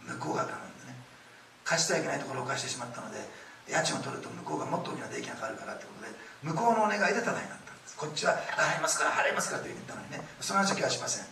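A middle-aged man preaching a sermon, telling stories with lively acted-out quotes, in a church hall. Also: medium pitch, very fast, creaky, a little hiss or hum. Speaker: pastor. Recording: echoey room, distant mic, faint ambience.

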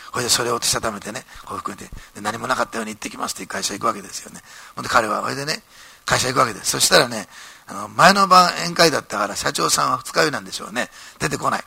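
Gravelly, fast-talking male preacher. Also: medium pitch, dry recording. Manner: animated storytelling, frequent ね tags. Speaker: pastor. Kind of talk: storytelling sermon.

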